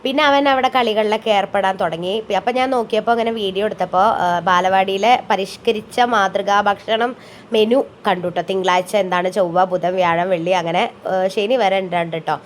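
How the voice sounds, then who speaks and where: A woman's voice: medium pitch, steady tone, brisk, slight background noise. Chatty mother narrating a family vlog. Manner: homely, chatty, tags sentences with "ട്ടോ". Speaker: vlogger and mother. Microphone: voice-over, close mic.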